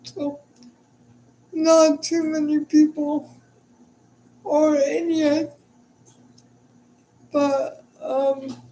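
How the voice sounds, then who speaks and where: Woman on her live stream, high voice, super slow, keeps stuttering and pausing, unscripted. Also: little pitch movement, dark tone, slight background noise. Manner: halting and hesitant, stutters and pauses often.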